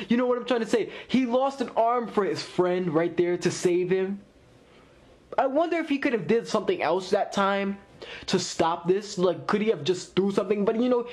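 A man giving casual live reaction commentary on an anime episode, excitable and rambling, with lots of "like" and "you know". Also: high voice. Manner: excitable, rambling with many fillers. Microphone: wearing earphones while recording.

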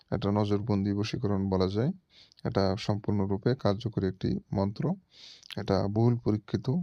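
A man hosting his own channel, calmly explaining step by step, repeating himself and pausing to hesitate. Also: fairly low pitch, no room sound. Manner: patient, repetitive explaining with frequent hesitations. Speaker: channel host teaching mantras. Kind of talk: instructional monologue. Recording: dull, dry lo-fi recording.

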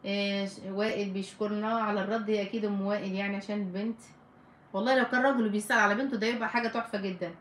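Fast-talking Egyptian woman giving firm advice. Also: mid-range voice, fairly even intonation, roomy sound, a little hiss or hum. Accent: Egyptian Arabic. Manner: firm, emphatic advice with repeated warnings. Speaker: family counselor hosting a live stream. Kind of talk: live Q&A chat reading viewer comments.

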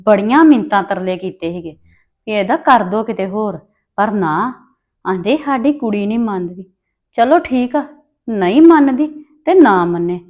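A woman with a Punjabi accent playing a bitter, scheming daughter-in-law who speaks in sharp, scornful retorts. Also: sits high. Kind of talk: amateur family drama acting.

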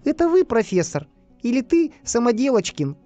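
A man's voice: very high voice, sing-song, moderate pace, mellow, soft background music, pitched above the performer's own voice. A man voicing a cowardly, boastful male spy and robber in a whiny, squealing way.

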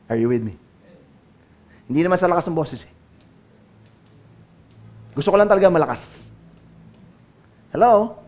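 A man from the Philippines preaching a sermon as pastor, mixing English into his talk and calling on the congregation to answer. He swings between loud calls and low, quiet asides.

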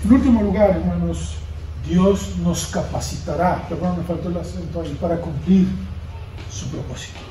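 A man preaching a sermon as pastor, building to emphatic bursts and letting phrases fall away softly. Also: sits high, a little fast, slight background noise. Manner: preaching with rising emphatic bursts and soft trailing endings. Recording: roomy echo, from a distance, faint ambience.

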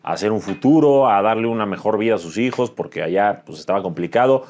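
A man in his thirties with a Mexican Spanish accent, an interview guest talking reflectively about his life and pausing to search for words. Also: on the low side, a little mellow. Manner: thoughtful, searching for words with fillers. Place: dim studio set with dark curtains.

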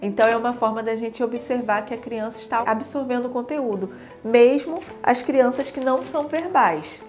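A young woman with a Brazilian Portuguese accent talks through a lesson demonstration in a relaxed, conversational way. Her voice sits a little high, and she keeps checking in with quick tag questions. Soft music plays faintly behind her. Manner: chatty, frequent tag questions, shows materials to camera. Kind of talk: casual explanatory demonstration.

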